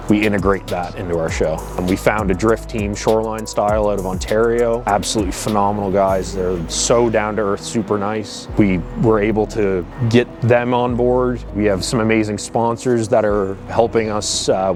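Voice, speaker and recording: A man organizing a car show, speaking casually and upbeat in an interview, with fillers and repeated words. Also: fairly low pitch.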